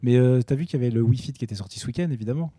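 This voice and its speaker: A man co-hosting a casual podcast chat, talking rapidly and joking. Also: mid-range voice, warm tone, breathy edge, dry recording. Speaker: podcast co-host.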